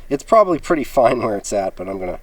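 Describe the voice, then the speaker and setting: This man, host of a radio gear review channel, chats casually and thinks aloud while rambling through a hands-on demo. He has a mid-range voice, very animated and quick, and the recording is rough.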